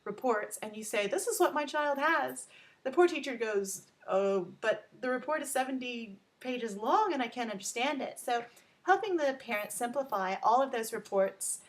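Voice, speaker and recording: Speaking to camera in a lively, slightly high voice at normal speed, this woman explains her service in an informal way. She's from Texas, with an American Texan accent, and works as an education advocate, coach and tutor.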